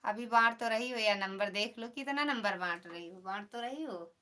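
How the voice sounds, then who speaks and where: A woman's voice: medium pitch, normal speed, bright, forceful tone. A woman with an Awadhi accent, hosting a casual live stream and chatting teasingly with her viewers. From Pratapgarh, Uttar Pradesh.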